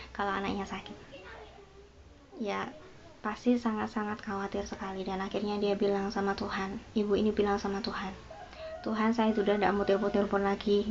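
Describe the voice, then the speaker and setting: A woman's voice: medium pitch, a little mellow. A woman preaching a sermon, telling a story and acting out the quoted speech of the people in it, and turning to her listeners directly. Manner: addresses listeners as "saudara", acts out the quoted speech. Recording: slightly dull, faintly noisy recording.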